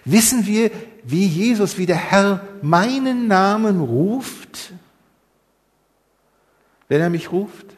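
A man's voice: sits high, lively intonation, slow, pauses often, big-room sound. A man preaching a sermon, earnest and full of rhetorical questions. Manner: earnest, many rhetorical questions, rising emphasis.

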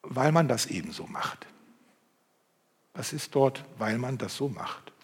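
A man preaching a sermon and reading from the Bible, moving between loud emphasis and hushed, intimate passages. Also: mid-range voice, expressive, a little slow, slightly rough. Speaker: pastor. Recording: long hall reverb.

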